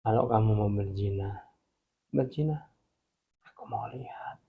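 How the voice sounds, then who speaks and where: A man doing God, low and hushed. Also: a little slow, creaky, breathy edge, narrow, tinny audio, full character voice. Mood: ominous. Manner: low, hushed, almost whispered. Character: God, a stern yet loving voice.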